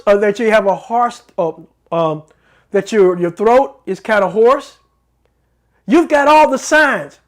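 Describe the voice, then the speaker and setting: Speaking at medium pitch, an earnest middle-aged faith talk show host delivers a teaching monologue. His style is preacherly, with important phrases said again and again for emphasis.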